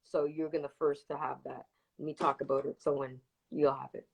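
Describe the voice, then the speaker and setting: Her voice sits low, gravelly, slightly mellow, and breathy, with a flat delivery at a moderate pace, over poor livestream video call audio. A Toronto woman who spent early childhood in Jamaica, the reggae dancehall singer talks casually and emphatically as an interview guest, repeating words for stress.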